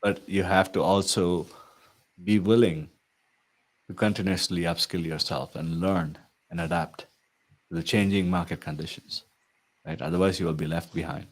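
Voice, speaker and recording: A man's voice: deep voice, steady tone, normal speed, pauses often. A man working as an IT consulting coach, talking earnestly and persuasively to viewers, often tagging sentences with "right?". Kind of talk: promotional talk to viewers.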